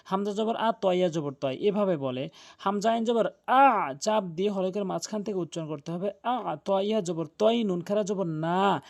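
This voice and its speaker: Guy with a high voice teaching quran reading, goes letter by letter, really insistent. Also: moderate pace, creaky, a little mellow. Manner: earnest, emphatic, drills pronunciation letter by letter. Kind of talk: religious lesson on Quran recitation.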